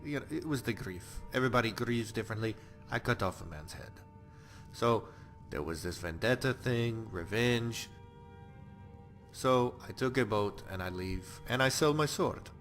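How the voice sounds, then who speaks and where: An actor playing a blunt, bloodthirsty male Nord warrior exile in a game, talking about violence in a deadpan, matter-of-fact way. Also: on the low side, normal speed, faint music behind. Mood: wry, boastful. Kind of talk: game character monologue.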